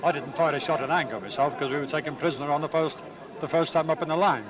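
Older Irish-born man recalling war, outdoors. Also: a little high. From Ireland. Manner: plain, unhurried storytelling with hesitations. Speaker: war veteran interviewee. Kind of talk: recalling memories in an interview. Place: outdoors at a busy city gathering. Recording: distant mic, crowd noise behind.

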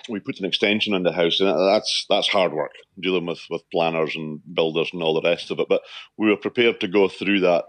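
A man in his fifties from Shetland with a Shetland Scottish accent, chatting as a radio interview guest in a halting way, often repeating words. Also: low voice, a bit bright, no room sound. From Shetland, Scotland. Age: 50s.

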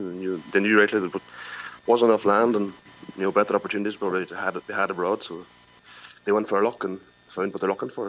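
A man with a Donegal Irish accent talking casually and haltingly, often repeating words, as an interview guest. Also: lowish voice. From County Donegal, Ireland. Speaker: radio phone-in guest, farmer. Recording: dull telephone line.

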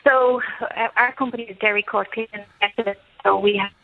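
A woman's voice: mid-range voice, steady tone, a little fast, vocal fry, soft background music. A woman calling in to a radio show for her cleaning company, matter-of-fact. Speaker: cleaning company rep, caller. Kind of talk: radio call-in chat. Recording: tinny phone line.

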